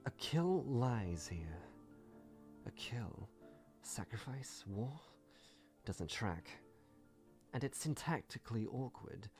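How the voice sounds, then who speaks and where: Here the same kind of role, a witty, unshakable female archaeologist adventurer in a comic dub, is voiced by a man with a medium, sing-song pitch who speaks slowly and pauses often. He sounds musing, tossing off wry quips and talking to himself over clear background music.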